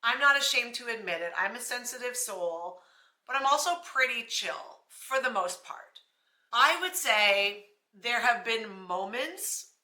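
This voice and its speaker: A woman's voice: a little high, lively intonation, unhurried, sharp tone, roomy sound. A young pregnant woman from Canada, chatting casually to camera with a self-deprecating, laughing manner. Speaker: vlogger.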